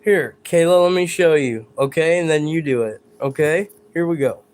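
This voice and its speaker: A man's voice: fairly high pitch, moderate pace, darkish tone, slight background noise. A man hosting a live stream at home in his bedroom, chatting in a rambling, hesitant way with viewers and the spirits he says are near. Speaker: livestream host. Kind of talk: live paranormal stream chat.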